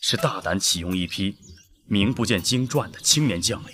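A deep-voiced, deferential general. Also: male voice, animated, sharp tone, a little hiss or hum. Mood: earnest, measured. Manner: measured, deferential, formal. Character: humble, cautious male general serving his emperor. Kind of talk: historical TV drama acting.

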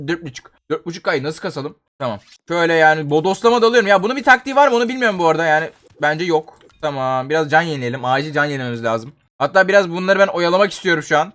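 A young Turkish man commenting on his own Roblox gameplay as a channel host. He switches between chatty running commentary and loud panicked yelling. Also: a little high, expressive, rapid-fire, hardly any pauses. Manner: jumps into loud panicked yelling when dying.

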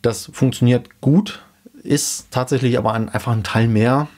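A man in his thirties explaining gear in a casual home-studio vlog, relaxed with many fillers, into a dynamic studio mic. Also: mid-range voice, normal speed. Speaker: YouTube host explaining car audio gear. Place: small home studio room indoors. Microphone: dynamic studio mic in front of him.

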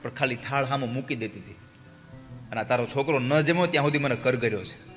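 A man voicing a calm, gentle god. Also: mid-range voice, fast talker, close to an everyday voice. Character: calm male deity speaking gently. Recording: hall reverb with faint music.

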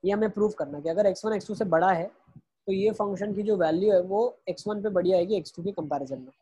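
A man delivers an online math lesson in a husky voice. He moves through each step slowly and keeps checking in with rhetorical questions. English phrases slip into his teaching. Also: high-pitched, dark tone. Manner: explains step by step, asking and answering rhetorical questions.

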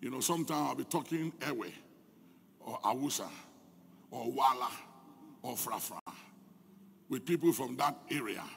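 A Ghanaian man preaching a fervent sermon as pastor, his delivery swelling into shouts, in an echoey church hall. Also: medium pitch, lively intonation, normal speed, vocal fry, long pauses, slight background noise.

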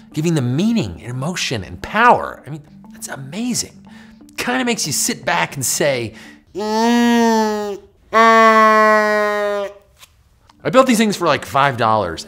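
An American man in his forties presenting a scripted but conversational educational explainer in an emphatic, animated way. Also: mid-range voice. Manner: animated, emphatic, demonstrating mouth sounds. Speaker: host of an educational science show. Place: small furnished indoor studio with bookshelf.

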